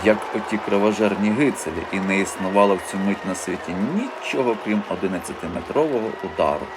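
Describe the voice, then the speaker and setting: A man narrating a children's audiobook as a lively first-person storyteller. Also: low voice, quick pace, background noise.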